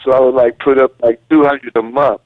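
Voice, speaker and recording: A polite male caller talking in a plain, halting way over a phone line that keeps cutting in and out. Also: mid-range voice, flat delivery, no room sound. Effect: phone line breaking up, voice cutting in and out. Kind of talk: call-in radio conversation.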